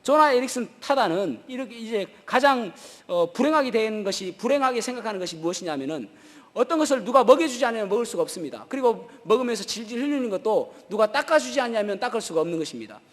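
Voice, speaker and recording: A male pastor preaching an animated sermon, stopping on fillers and restarts, his voice rising when he voices prayers and complaints to God. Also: high-pitched, quick pace, in a large hall. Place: church sanctuary.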